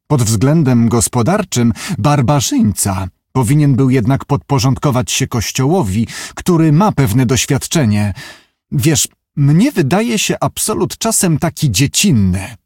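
Man doing an earnest musing engineer, raspy voice, close dry sound, audiobook. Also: medium pitch, a little mellow, no echo, voice pushed up. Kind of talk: audiobook character voice.

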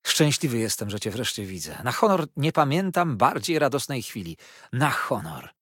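A man's voice: medium pitch, big pitch swings, moderate pace, fairly bright tone, husky, dry recording, studio quality, heavily acted. A man voicing an effusive young male lawyer who gushes and fires off questions, as a storybook reader. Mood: overjoyed. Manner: gushing, breathless, showers questions.

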